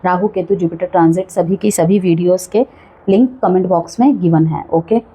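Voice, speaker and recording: A woman's voice: lowish voice, normal speed, mellow, slightly rough, low-quality recording. A woman giving a chatty monthly tarot horoscope reading, full of warnings and frequent check-ins with the listener. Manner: chatty, cautionary, repeats "ठीक है" often. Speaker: tarot reader.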